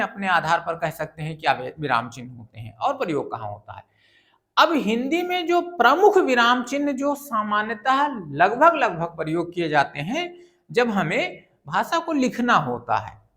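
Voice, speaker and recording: A woman's voice: fairly high pitch, fairly bright tone. A woman teaching a grammar lesson, patiently explaining step by step and repeating examples.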